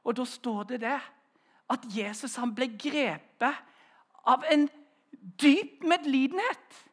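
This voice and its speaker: A man preaching a sermon in a storytelling way, swinging between loud raised phrases and soft, hushed ones. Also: very high voice, animated.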